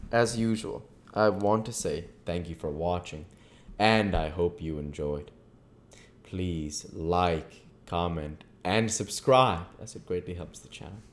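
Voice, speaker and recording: Very deep, slow male audiobook reader. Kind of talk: scripted literary narration.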